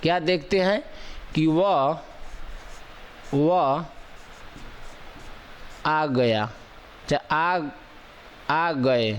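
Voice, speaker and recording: A man's voice: a little high, drawn-out words, pauses often, slight background noise. A man teaching a grammar lesson, repeating example sentences over and over with rising and falling intonation to show the difference. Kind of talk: Hindi grammar lecture.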